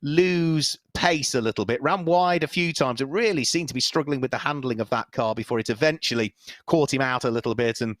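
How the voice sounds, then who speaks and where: A man calls a motor race live in a steady, informative commentary voice. His voice sits in a middle register and is recorded close and dry, with no room sound around it. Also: mid-range voice, a little fast, dry recording.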